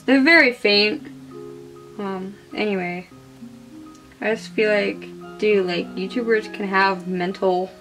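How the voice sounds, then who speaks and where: A woman's voice: mid-range voice, a bit bright, low-quality recording. A woman in her twenties, hungover, rambling casually and putting herself down as she talks through a makeup vlog. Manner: hungover, rambling and self-deprecating. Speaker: beauty vlogger. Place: small indoor room.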